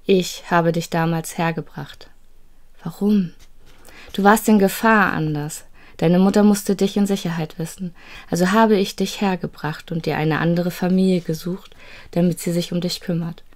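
A woman voicing a cheerful, wise male storyteller in an audio storybook, speaking in a gentle, measured way. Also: on the low side, steady tone, close to an everyday voice. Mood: kindly.

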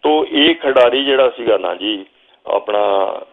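An older Punjabi man, a guest telling a long story from memory at an unhurried pace, now and then quoting what he told the players. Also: medium pitch, expressive. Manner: slow reminiscing storyteller, quotes himself calling instructions. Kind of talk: storytelling interview. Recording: phone-like narrow sound.

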